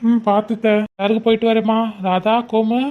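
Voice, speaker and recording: A woman voicing a gentle, reassuring older uncle in a homemade family drama. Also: a little high, flat delivery, brisk, narrow, tinny audio, voice pushed down, lightly acted.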